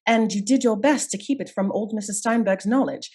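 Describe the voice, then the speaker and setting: A woman's voice: medium pitch, brisk, dark tone, slightly rough. A woman playing a shrewd, assured lady detective in a period radio mystery, speaking formally and articulately as she sets out her case. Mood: accusing, resolute. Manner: articulate, formal, methodical accusing delivery. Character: shrewd, composed lady detective of Scotland Yard, commanding and assured.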